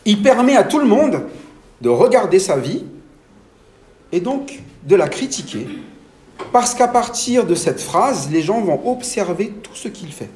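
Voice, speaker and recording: Male preacher, French accent, lively pitch, sermon delivery with questions to the listeners, reverberant hall. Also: a little slow. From France. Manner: animated, asks the congregation questions.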